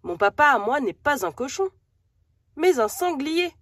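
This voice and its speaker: A woman's voice: high-pitched, sing-song, measured pace, fairly bright tone, no echo, studio quality, exaggerated voice. A woman voicing a cheerful, proud young male half-boar piglet, explaining things as if reading to a toddler. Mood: matter-of-fact.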